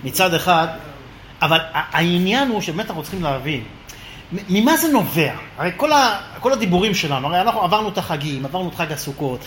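A man's voice: sits high, slight background noise. A man giving a humorous religious talk, telling a story and acting out the voices of the people in it. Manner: lively, acts out quoted voices. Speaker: religious lecturer. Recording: echoey room.

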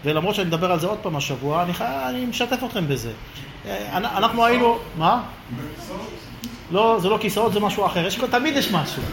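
A man's voice: high-pitched, gravelly, crowd noise. A man giving a humorous religious talk, telling a story and acting out the voices of the people in it. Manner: lively, acts out quoted voices. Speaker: religious lecturer. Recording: echoey room.

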